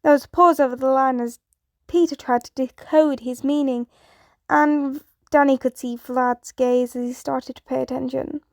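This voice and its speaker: A woman reads a fan fiction story aloud in a high voice, steady with small slips and restarts. The sound is dry and close. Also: moderate pace, no room sound.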